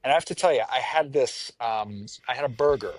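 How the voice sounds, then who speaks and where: A man from the Pacific Northwest co-hosts a podcast, and the conversation is casual. He talks a little fast at a medium pitch, rambling, poking fun at himself, and often trailing off before starting over.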